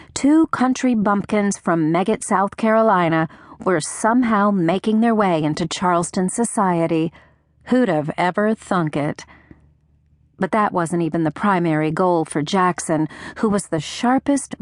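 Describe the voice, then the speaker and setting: A woman reading a novel aloud as an audiobook narrator, in a gentle storytelling manner with wry asides. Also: on the low side, no room sound, clean studio sound.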